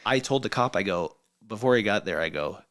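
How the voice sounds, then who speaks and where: A middle-aged man co-hosting a podcast, telling a story in casual chat, animated and laughing as he acts out quotes. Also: fairly low pitch, a little fast, no room sound, clean studio sound. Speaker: podcast co-host.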